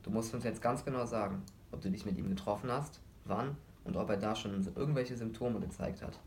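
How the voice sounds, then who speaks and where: Audiobook: male narrator plays stern dad, firm and probing, low-pitched. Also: brisk, slight background noise, natural voice. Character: stern, serious father.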